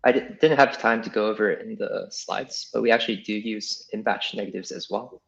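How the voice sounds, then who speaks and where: A man's voice: lowish voice, a little fast, creaky. A man giving unscripted, hedging explanations as an engineer in a technical question session. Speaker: engineer answering audience questions. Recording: slightly dull, lo-fi online call.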